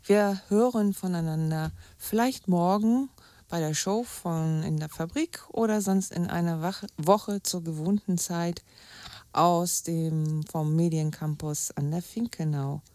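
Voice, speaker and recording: A woman co-hosting a radio show from a studio, speaking in a measured way with small restarts. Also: fairly low pitch, mellow, dry recording. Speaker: radio co-host. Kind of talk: radio sign-off.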